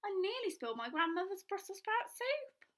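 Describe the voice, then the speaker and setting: A woman's voice: very high voice, very animated, normal speed, a bit bright, voice pushed up, exaggerated voice. A woman voicing an innocent, chirpy little girl in a fairy tale, in a wide-eyed, exclaiming way. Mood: indignant, frank.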